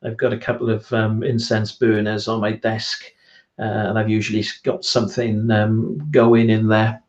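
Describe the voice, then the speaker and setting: A Welsh author, interviewed as a guest on a video call in a casual online chat, speaks hesitantly and self-deprecatingly with many ums and restarts. His voice is on the low side, monotone, and a little mellow at normal speed, and the sound is lo-fi.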